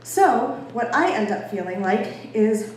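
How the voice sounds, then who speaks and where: Her voice sits on the high side, slow and lively in intonation, with crowd noise around her. She's a Boston woman giving a casual public talk, emphatic and conversational, teasing herself good-naturedly. The venue is an echoey indoor room with an audience, captured from a distance with faint noise.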